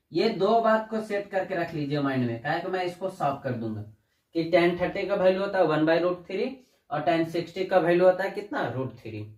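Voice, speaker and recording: Male teacher, higher voice, talks to students as kids, recorded off-mic in an echoey room. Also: recorded from a distance. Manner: addresses students as "बच्चा", asks and answers own questions. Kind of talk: classroom lesson.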